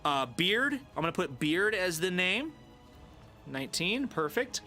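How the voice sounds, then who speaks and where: A man running a tabletop game on a casual group stream as game master, narrating in a halting way with repeated words. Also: high voice, big pitch swings, bright, forceful tone, faint music behind.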